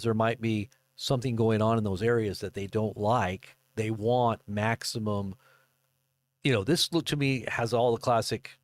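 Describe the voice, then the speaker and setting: A man in his fifties giving casual live commentary and reading news reports aloud, halting and rambling as he goes. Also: fairly low pitch, no room sound. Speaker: livestream commentator. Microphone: close desk microphone.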